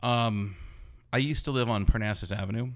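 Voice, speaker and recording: A man's voice: fairly low pitch, normal speed. A man, a blogger being interviewed, telling a story in a casual, rambling way and filling it with "you know". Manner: rambling, animated retelling full of "you know". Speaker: blogger guest.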